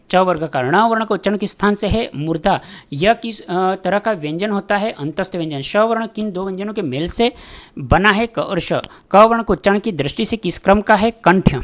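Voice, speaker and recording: Man, teacher, exam prep lesson, calls viewers friends, quiz questions and answers. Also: high-pitched.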